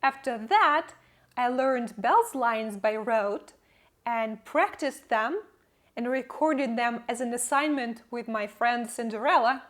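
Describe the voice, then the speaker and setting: A woman's voice: a little high, takes it slowly, fairly bright tone. A woman whose first language is not English, telling the story of her English learning in an upbeat, reflective vlog. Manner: reflective, upbeat, laughs between points. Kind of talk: personal vlog narration.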